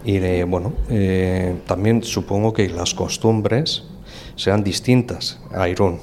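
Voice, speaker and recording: A man with a low voice interviews a language learner in a patient, teacherly way. He hesitates with fillers and stops to explain simple words. A faint hiss sits behind him. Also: fairly even intonation, slow, darkish tone.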